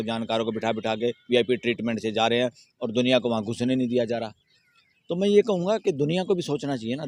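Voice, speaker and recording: A man speaking as an advocate in an interview, giving long emphatic answers that build into forceful rhetorical questions. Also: medium pitch, no echo. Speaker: Supreme Court advocate, interviewee. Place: outdoors near a courthouse.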